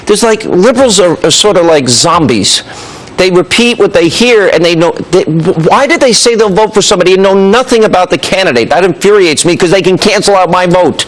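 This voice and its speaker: A man with a high voice talks fast in a heated television debate. He sounds agitated and insistent. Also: lively intonation, low-quality recording.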